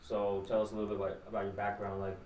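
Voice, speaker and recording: A man's voice: lowish voice, fast talker. A man interviewing, asking short casual questions from away from the microphone. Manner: short, flat, off-mic questions. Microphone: off-mic, far from the microphone. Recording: echoey, distant, noisy room.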